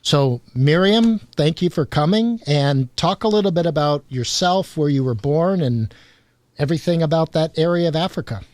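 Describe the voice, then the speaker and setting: A man's voice: fairly high pitch, animated, normal speed, a little mellow, no room sound. A man hosting a food show, opening with an intro and then asking his guest rambling questions. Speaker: host.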